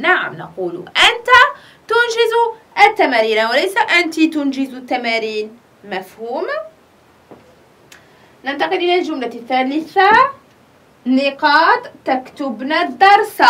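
A woman teaching a primary school grammar lesson. She asks questions and answers them herself, and she draws out the example sentences slowly for dictation. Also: high voice, a bit bright, far from the mic.

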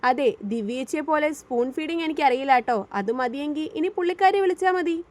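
A woman's voice: high voice, moderate pace, a little mellow, close to an everyday voice. A woman voicing a sulky, cheeky young wife in an audio story, with pouty, sarcastic remarks.

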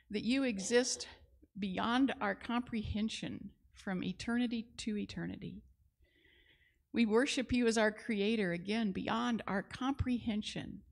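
A woman's voice: mid-range voice, creaky. An older woman leading a spoken prayer in a church service, talking earnestly and steadily into a handheld microphone on a large indoor platform. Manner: earnest, measured praying.

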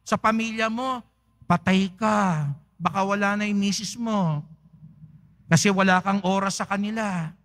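High-voiced slow-preaching priest. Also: male voice, a bit bright, big-room sound. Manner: playful rhetorical questions to the congregation. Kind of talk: sermon. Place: church.

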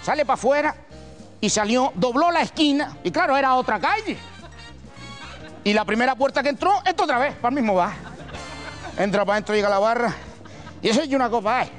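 An older Canarian man spins a folksy, colloquial comic story, his voice sitting unusually high. His pitch swoops up and down animatedly, with faint music under him. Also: expressive, a little fast, pauses often, fairly bright tone. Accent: Canarian Spanish. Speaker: humorist. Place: TV gala stage.

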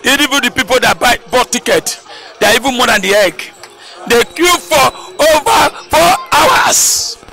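Nigerian man, middle-aged, high bright voice, heated street interview, handheld mic outdoors. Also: expressive, measured pace, some chatter behind. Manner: heated, gesturing, rising to shouts. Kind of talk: vox pop street interview. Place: busy city street outdoors. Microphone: handheld mic held by interviewer.

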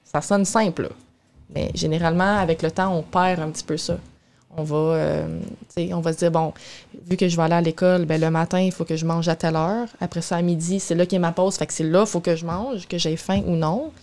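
Her voice is lowish and darkish, brisk, with fairly even intonation; she's a young woman with a Québécois French accent. As a guest nutritionist in a small indoor radio studio, she explains things informally, speaking into a boom-arm studio microphone with headphones on.

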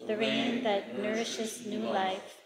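A woman reading responsive liturgy and a prayer in church, in a steady, measured way. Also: mid-range voice, over a noisy crowd. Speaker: liturgy reader. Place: church sanctuary, indoors. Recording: reverberant church hall.

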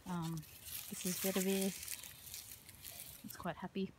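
Unhurried woman rambling through her garden. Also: mid-range voice, level tone, noisy background. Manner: unhurried, rambling, frequent ums. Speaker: herbalist showing her garden. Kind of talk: casual garden tour. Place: outdoor home garden. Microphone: handheld phone.

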